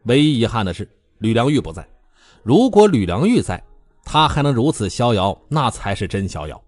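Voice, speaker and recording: A man narrating a comic fantasy audiobook in an animated, playful storytelling style. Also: on the low side, fairly quick, no room sound.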